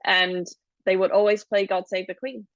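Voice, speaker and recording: A woman in her thirties from Hong Kong co-hosts a casual podcast, thoughtfully explaining her family's story. Her mid-range voice moves little in pitch and keeps a moderate pace. The recording is dry and muffled.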